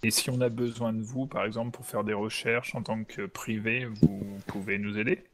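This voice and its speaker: A man's voice: on the low side, level tone, normal speed. A man playing a tabletop game, asking direct, probing questions of a character. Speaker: player.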